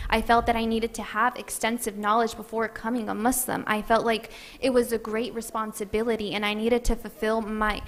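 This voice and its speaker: A woman giving a personal testimony at an event, earnest and halting, with frequent fillers. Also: on the high side. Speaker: convert sharing her story. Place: event hall.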